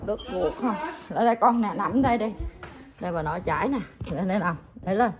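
A woman's voice: medium pitch, expressive, fairly quick, highs cut off, slight background noise. A middle-aged woman, fussing over and pitying her dog at home in a casual vlog. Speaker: vlog host, grandmother to the dog. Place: home, indoors.

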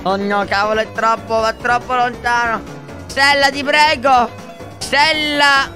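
A man playing a squeaky, excitable little boy. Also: full character voice. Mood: excited. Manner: excitable, shouty, quick to apologize. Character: excitable little boy who thinks he is Mario. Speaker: roleplay video maker. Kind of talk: Minecraft roleplay acting. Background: background music.

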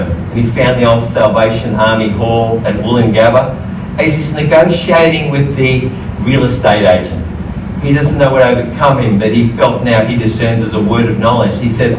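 Australian pastor telling funny anecdotes. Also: male voice, medium pitch. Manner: humorous, acts out the people in his anecdotes. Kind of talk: sermon with storytelling. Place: church auditorium. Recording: echoey church hall, distant mic, noisy.

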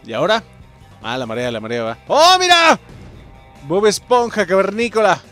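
A man with a Mexican accent doing excitable let's-play commentary, swearing and exclaiming at the game while talking to viewers. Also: sits high, moderate pace, faint music behind. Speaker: gameplay commentator.

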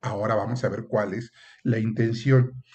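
A man's voice: on the low side, steady tone, moderate pace, a little mellow. A man lecturing as a professor, explaining at length with frequent filler sounds and acting out short example exchanges. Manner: acts out short example dialogues. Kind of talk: university lecture.

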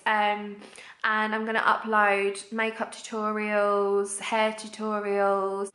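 A young woman talking to her vlog camera in a chatty, excited and heartfelt way. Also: medium pitch, echoey room. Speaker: vlogger.

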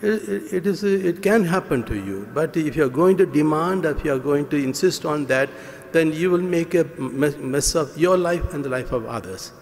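Older priest preaching in a reverberant church. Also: male voice, fairly high pitch, animated, moderate pace, darkish tone. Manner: gesturing, earnest, many fillers and restarts. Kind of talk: homily at Mass. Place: church sanctuary, indoors. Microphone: stand mic at lectern.

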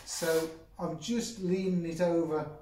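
A man's voice: on the high side, fairly even intonation, a little slow, background noise. A middle-aged English man with a chatty, rambling manner, talking the viewer through woodworking in his workshop and filming on a phone. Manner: chatty, rambling, self-interrupting, talks to the viewer. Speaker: woodworking video host. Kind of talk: casual workshop demonstration. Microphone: phone camera on the bench, moved around.

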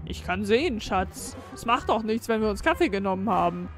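A woman's voice: medium pitch, animated, a little fast, faint music behind, natural voice. A woman doing a stern ghost father.

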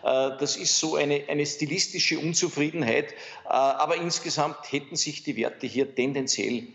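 A man, a pollster invited as studio guest, explaining survey results in a halting way full of fillers and restarts. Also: fairly high pitch, vocal fry, a bit bright, dull audio. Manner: hesitant, many fillers and restarts. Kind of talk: studio interview analysis.

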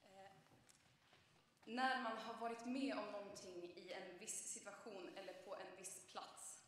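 Young female preacher, chatty sermon full of pauses, roomy church sound with faint background noise. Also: mid-range voice, steady tone, a bit bright. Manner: storytelling, frequent hesitations. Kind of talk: conversational sermon. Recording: echoey church from a distance.

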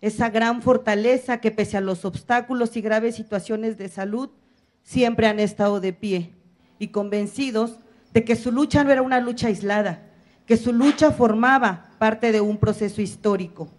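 A woman's voice: a little high, moderate pace, darkish tone. A middle-aged woman, reading a solemn speech at a podium, building her points in rhythmic lists of short phrases. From Mexico. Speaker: activist speaker at a public apology event. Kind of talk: formal speech read from notes. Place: large bright hall, at a podium. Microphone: podium microphone on a stand, filmed from afar.

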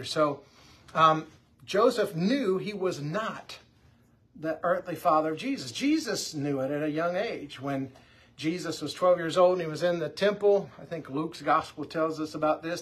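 A man, a pastor, teaching about the Bible in a relaxed, conversational way, often restarting his sentences. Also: fairly high pitch, breathy edge. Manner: conversational, with frequent restarts and fillers.

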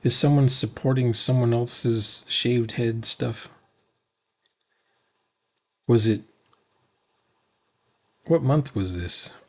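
A man in his sixties hosts a reaction video, offering casual, unscripted commentary in a sarcastic, grumbling manner. His medium-pitched voice moves slowly, with long pauses. He records in a small, cluttered room at home on an unfiltered desk mic.

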